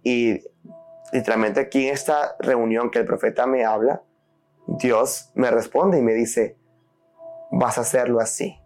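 A man's voice: medium pitch, unhurried, a little mellow. Earnest young man telling his faith story. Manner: earnest, reenacts his own prayers aloud; laughs between lines. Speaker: podcast host. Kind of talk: personal faith testimony. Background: faint music.

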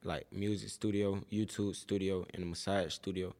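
A young man from Tennessee chats as a podcast guest, low in pitch and loose in his slang. He tells his stories in an easy, laid-back way. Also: level tone, moderate pace, a little mellow. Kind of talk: casual chat.

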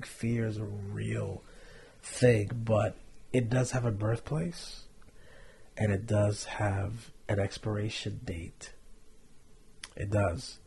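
Brief: man sharing testimony, earnest and reflective, gravelly voice, faint noise behind. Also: fairly low pitch. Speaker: podcast co-host sharing testimony. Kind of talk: candid faith testimony.

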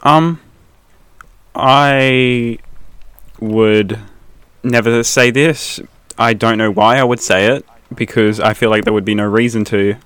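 Blunt, low-voiced young man joking. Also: little pitch movement, moderate pace, fairly bright tone, clear, resonant tone, dry recording. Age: young adult. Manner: blunt, swears freely, jokey mock voices. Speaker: co-host. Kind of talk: casual reaction chat.

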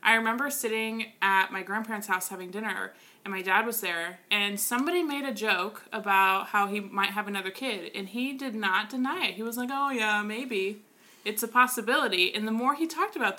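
A woman in her twenties, co-hosting a podcast and telling a family story in casual, animated chat. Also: mid-range voice, fairly quick. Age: 20s. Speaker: podcast co-host.

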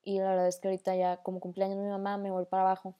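A chatty young woman with a northern Mexican accent talks through a casual voice-memo podcast. She rambles freely, slips English slang into her sentences, and her voice sits mellow and warm at a middle pitch. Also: completely flat delivery, very fast, clear, resonant tone. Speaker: podcast host.

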